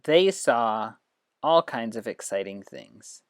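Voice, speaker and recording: Background noise sits under a mid-range, animated but slow voice as an educator demonstrates reading apps. It's an informal instructional screen demo that includes read-aloud passages.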